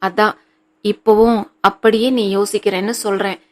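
A woman's voice: medium pitch, steady tone, moderate pace, natural voice. A woman voicing a hurt, stern young husband. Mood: reproachful. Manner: pained, reproachful questioning.

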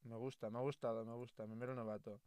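A man's voice: mid-range voice, quick pace, smooth, no room sound. Man, casual stream chat, laughing, dry close mic. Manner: animated, laughs often, slangy banter. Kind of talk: casual live-stream chat reacting to memes.

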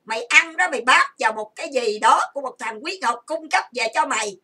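A woman in a furious livestream rant, her high voice piercing and sharp. She swears and accuses nonstop, and she sounds set back from the microphone. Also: expressive, a little fast, slightly rough, distant mic. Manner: profane, accusing, insulting. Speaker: online streamer. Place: lying down at home.

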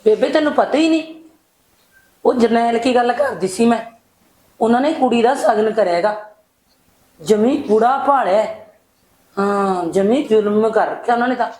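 Actress as gossiping village woman, mid pitch, echoey faint-noise room. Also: a little mellow, natural voice. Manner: chatty, gossipy, drawn-out remarks.

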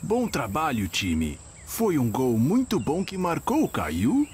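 A man's voice: on the high side, huge pitch swings, slow pace, darkish tone, a little hiss or hum, exaggerated voice. An actor playing a kindly, encouraging old grandfather in a children's cartoon. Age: older. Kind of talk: cartoon dub.

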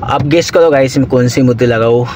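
Filmed on a phone at arm's length inside a small parked car in daytime, a young adult man chats to camera in a medium-pitched, slightly fast voice with a darkish tone. He rambles, repeating himself and using many fillers, and the car recording is noisy.

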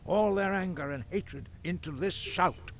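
A man voicing a solemn, stern old monk in a video game, speaking in a grave, measured, lecturing way. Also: high voice. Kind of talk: game character dialogue.

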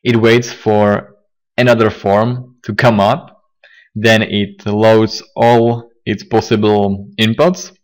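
Guy walking thru his code, kinda hoarse, low voice, slow and halting w lots of ums. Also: level tone. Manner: halting, many fillers and restarts. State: slightly hoarse, losing his voice. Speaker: programming tutor. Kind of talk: screen-recorded coding tutorial.

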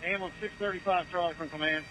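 A man's voice: sits high, steady tone, fast. A man working as an emergency responder, talking in radio traffic over a two-way radio. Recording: faintly noisy emergency radio channel.

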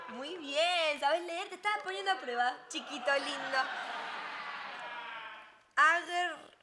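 A brash young Argentine babysitter. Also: female voice, sits high, extremely slow, pauses often, very noisy. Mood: scolding. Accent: Argentine Rioplatense. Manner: brassy, scolding and mocking. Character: brash, sharp-tongued young woman working as a babysitter. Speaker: sitcom character. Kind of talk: sitcom acting.

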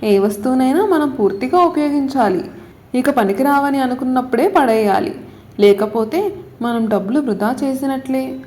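A patient mother coaxes her daughter and gently explains a lesson in a storybook tale. A woman storyteller reads the part in a high voice. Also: normal speed, natural voice. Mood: lecturing.

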